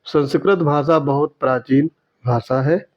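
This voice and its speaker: A man teaching, walking through exam answers and correcting sentences, repeating words slowly to make each point. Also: fairly high pitch, a little mellow, dull audio.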